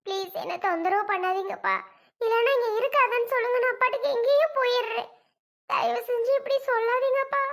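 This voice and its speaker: A woman playing an anxious, soft-hearted mother who pleads and gently soothes her crying daughter in a homemade drama skit. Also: high voice, fairly even intonation, moderate pace, lightly acted. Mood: pleading. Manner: pleading, then softly soothing.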